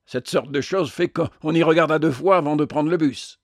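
A man's voice: medium pitch, moderate pace, dry recording, clean studio sound, natural voice. A man voicing a small, snobbish, hostile man in an audiobook, speaking with disdain. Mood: sneering. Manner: sniffy, disdainful.

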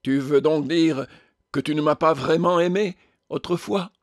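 A man's voice: a little high, unhurried, no room sound, clean studio sound, pitched above the performer's own voice, close to an everyday voice. A man voicing a self-pitying male ghost who speaks like a stage tragedian, declaiming every word. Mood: indignant. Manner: declamatory, melodramatic.

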